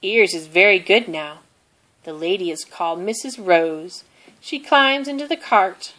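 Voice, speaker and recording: Reading a picture book for children, a woman with a medium-pitched voice narrates deliberately and plainly. She brings expression to each character's dialogue.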